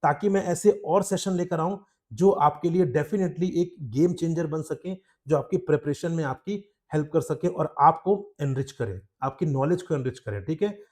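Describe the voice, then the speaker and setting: A man coaches law exam students on strategy, speaking straightforwardly in Hindi with English mixed in and repeatedly asking "ठीक है?" His voice is on the high side and darkish, at a normal speed.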